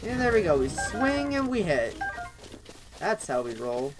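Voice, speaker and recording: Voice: medium pitch, big pitch swings, measured pace, music in the background, poor audio. A let's play host giving casual, rambling commentary over gameplay, with constant fillers like "actually" and "kind of".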